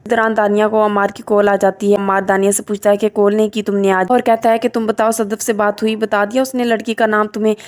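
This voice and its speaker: Here a woman walks through a drama episode scene by scene, speaking in a mid-range voice that barely rises or falls. She keeps an even, steady delivery as she reads the characters' lines aloud within the recap. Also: medium pitch, hardly any pauses. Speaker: drama reviewer.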